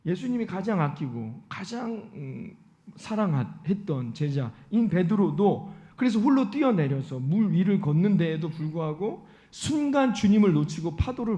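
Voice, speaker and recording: Sunday sermon from a man, lo-fi, fairly high pitch. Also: mellow. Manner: rhetorical questions to the congregation. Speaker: pastor. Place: church sanctuary. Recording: dull lo-fi sound.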